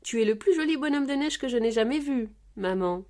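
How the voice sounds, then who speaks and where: A woman voicing an excitable little girl piglet in a storybook reading, bubbly and squealing. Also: fairly high pitch, brisk. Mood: proud.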